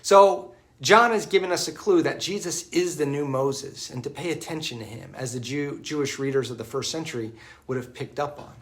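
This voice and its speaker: Conversational male preacher, slightly high voice. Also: normal speed, fairly bright tone. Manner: conversational, with everyday examples and frequent "right?". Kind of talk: gospel reading and homily.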